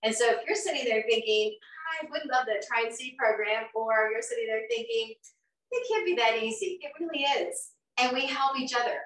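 A woman's voice: fairly high pitch, fairly quick, fairly bright tone. Chatty woman hosting from her kitchen. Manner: chatty, encouraging, laughs often. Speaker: host of a live cooking show. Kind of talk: upbeat live-stream chat. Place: home kitchen, indoors. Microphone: far camera. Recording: roomy kitchen sound from far off.

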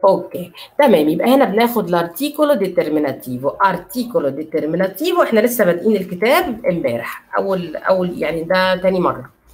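A woman with an Egyptian Arabic accent teaching Italian, repeating words slowly and often checking that her students follow. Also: fairly low pitch, very animated, darkish tone. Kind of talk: online language lesson.

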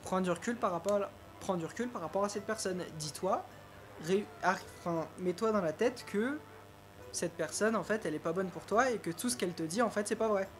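A woman's voice: mid-range voice, brisk. A woman hosting a live stream, chatting casually in a playful, teasing way and laughing often. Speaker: streamer host. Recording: faint background noise.

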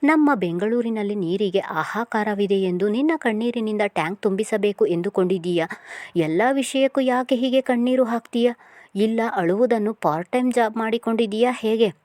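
A curt young man from an audiobook novel who brushes off questions and teases with dry remarks, read by a woman. The pitch is mid-range. The sound is dry and close-miked. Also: a little slow, a little mellow, no room sound, lightly acted. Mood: teasing. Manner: curt and teasing.

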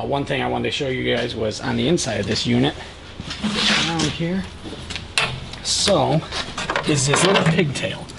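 Gravelly-voiced man demoing welding gear. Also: medium pitch, background noise. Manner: relaxed, plain-spoken, many "uh" and "um" fillers. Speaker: welding supply product reviewer. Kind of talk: casual product demonstration.

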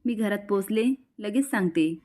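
A woman's voice: mid-range voice, normal speed, warm tone, close to an everyday voice. A woman doing an eager young woman with news.

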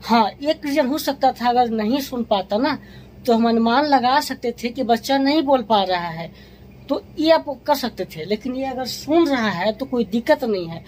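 A woman's voice: a little high, lively intonation, normal speed, darkish tone, a little hiss or hum, rough recording. A woman vlogger speaking to her viewers in a casual, matter-of-fact and reassuring way. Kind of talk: casual vlog talk to viewers.

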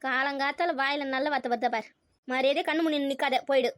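A woman's voice: high-pitched, steady tone, quick pace, a bit bright, no echo, studio quality. A woman in a comic family skit, scolding and exasperated as a mother-in-law.

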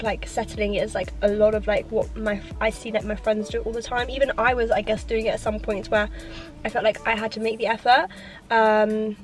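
A woman, chatting casually while eating in a mukbang Q&A, filling her talk with "like" and sometimes speaking with her mouth full. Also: medium pitch. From London, England. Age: 20s. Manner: chatty, leans on "like" constantly. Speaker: YouTuber.

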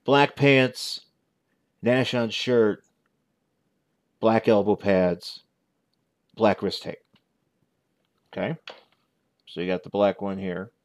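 A man in his forties giving a casual, unscripted show-and-tell commentary as a reviewer, halting and correcting himself as he goes. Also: lowish voice, steady tone, no echo. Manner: halting, conversational, self-correcting. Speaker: toy reviewer. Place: small living room at home. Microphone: headset.

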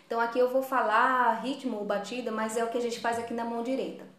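A woman's voice: a little high, little pitch movement, quick pace, fairly bright tone, roomy sound. A Brazilian woman teaching a live online guitar class, explaining each step patiently. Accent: Brazilian Portuguese. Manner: patient, explains step by step, vocalizes strumming beats.

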